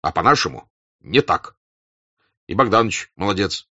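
A man playing a gruff old hussar captain. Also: low-pitched, animated, moderate pace, sharp tone, muffled recording, heavily acted. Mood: reproachful. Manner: scolding, emphatic, fatherly. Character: gruff older male hussar staff-captain, stern, honest.

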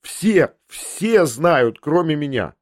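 A man reading a first-person literary audiobook, swinging between outbursts and hushed passages. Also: fairly high pitch, sing-song, slow pace, no room sound, studio quality. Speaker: audiobook narrator.

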